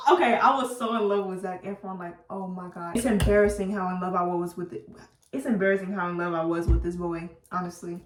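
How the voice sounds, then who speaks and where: A woman telling a storytime to her viewers while doing her hair, chatty and animated, laughing at herself and using casual slang. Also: mid-range voice, a little hiss or hum. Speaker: beauty vlogger. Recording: roomy, slightly distant mic.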